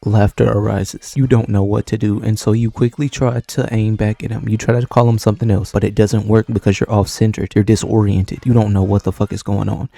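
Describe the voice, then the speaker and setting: A man giving a mock-serious, lecturing comedic monologue in a deadpan tone. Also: lowish voice, a little fast, creaky, few pauses, no room sound. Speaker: comedy narrator.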